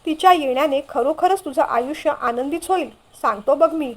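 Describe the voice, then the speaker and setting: A woman's voice: high-pitched, moderate pace, natural voice. A woman reading a teasing younger brother. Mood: playful.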